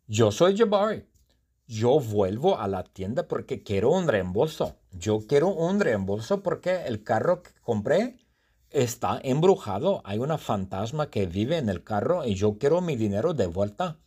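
Man doing a bumbling customer in a storybook, slow, lively pitch, soft husky tone. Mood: playful. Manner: first-person storytelling, exaggerated indignation.

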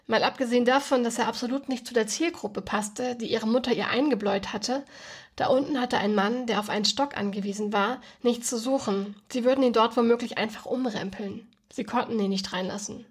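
A woman reading a novel aloud, who also explains the story in a relaxed, casual way with many ums. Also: fairly high pitch, fairly quick, husky. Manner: relaxed, with many ums when talking freely.

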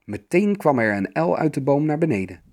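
A man narrating a fairy tale in an expressive, storytelling manner. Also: fairly high pitch, brisk.

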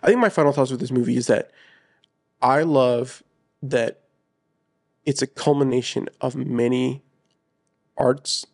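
Podcast cohost guy, gravelly fry in his voice, earnest and rambly, lots of "like". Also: medium pitch, measured pace, long pauses, a little mellow. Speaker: podcast co-host. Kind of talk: casual chat.

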